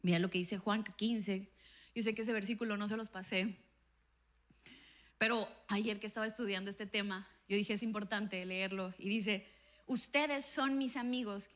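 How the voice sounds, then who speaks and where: A woman pastor preaching a sermon and telling a personal testimony, acting out the dialogue in her stories with an animated voice. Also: mid-range voice, moderate pace. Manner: animated storytelling, acts out dialogue with a raised voice.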